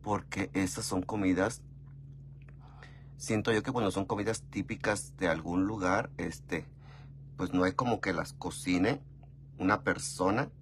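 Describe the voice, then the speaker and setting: A man with a Mexican Spanish accent telling a casual, gossipy story, often calling the listener "mi amor", with big jumps in pitch and loudness. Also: slight background noise. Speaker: vlogger.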